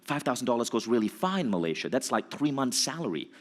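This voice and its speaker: A man in his forties telling a motivational story to an audience, animated and acting out conversations. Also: mid-range voice, fast talker, in a large hall. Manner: animated, acts out dialogue, addresses audience. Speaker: motivational speaker.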